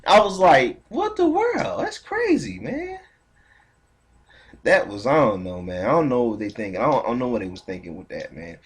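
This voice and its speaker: A man's voice: lowish voice, lively intonation, fast talker, few pauses. A man hosting a casual podcast pre-show, slangy and laid-back. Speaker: podcast host.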